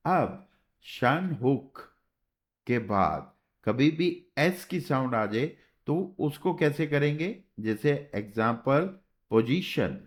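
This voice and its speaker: Slow, patient man teaching a lesson. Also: medium pitch, expressive. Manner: slow, patient, spells out sounds and checks with "theek hai". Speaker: shorthand teacher. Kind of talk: classroom lesson.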